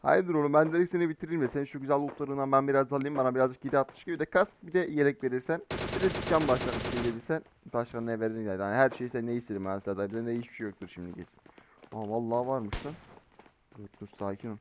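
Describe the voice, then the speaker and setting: A man giving live gameplay commentary as a mobile game streamer, excitable and teasing in slangy banter. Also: mid-range voice, fast, a little hiss or hum. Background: faint game gunfire.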